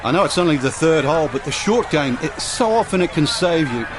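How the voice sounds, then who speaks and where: A man's voice: on the high side, expressive, fairly quick, a crowd in the background, lightly acted. A man voicing a frank, analytical golf commentator for a video game broadcast. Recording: clear outdoor background noise.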